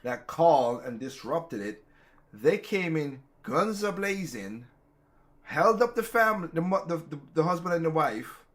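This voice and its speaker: A man's voice: on the high side, very animated, a little slow. A man hosting a casual political talk show, rambling with many restarts and growing heated. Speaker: podcast host.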